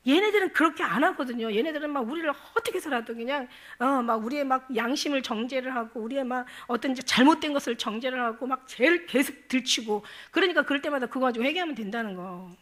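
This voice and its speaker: A middle-aged woman pastor preaching a sermon with fervent, emphatic delivery, breaking into loud outbursts and laughing often as she speaks. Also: high voice, fast talker.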